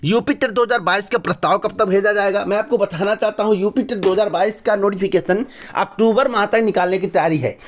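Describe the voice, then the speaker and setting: A man's voice: sits high, fast, hardly any pauses. A man hosting an exam news channel, talking straight to his viewers in an emphatic way and pressing his points with rhetorical questions. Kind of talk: direct-to-camera news commentary.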